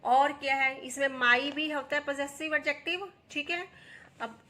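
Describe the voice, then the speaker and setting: A woman with an Indian accent teaching English grammar, reading example sentences slowly and then answering her own questions. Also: sits high, pushed and bright, a little hiss or hum. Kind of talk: explaining English grammar step by step.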